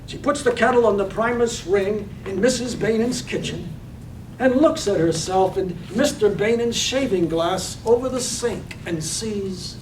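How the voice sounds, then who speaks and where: Reading on stage as the lyrical storyteller of a small village's morning, a man narrates a poetic scripted drama in a measured, literary manner. His voice sits high with a darkish tone, captured in an echoey room by a distant mic with faint noise.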